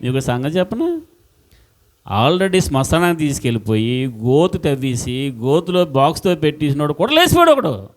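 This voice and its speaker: Man, pastor, sermon, fairly high pitch, impassioned, repetitive, loud-to-hushed swings. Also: big pitch swings, normal speed.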